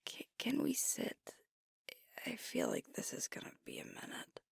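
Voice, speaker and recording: In a lightly acted ASMR roleplay with no room sound, a woman plays an affectionate but frustrated alpha werewolf girlfriend, a stressed leader feeling overwhelmed. Her voice is soft, breathy, and often whispered, and she speaks in a halting, confiding, weary and vexed way.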